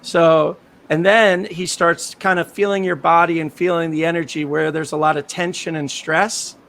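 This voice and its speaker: High, gravelly joking male host. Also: steady tone, moderate pace, a bit bright. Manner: playful, joking game-runner. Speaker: podcast host. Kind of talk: casual chat.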